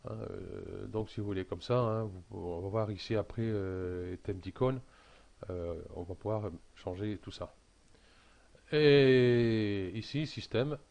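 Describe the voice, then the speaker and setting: A man talking through a casual software tutorial, hesitant and full of fillers and restarts. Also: low voice, measured pace, creaky.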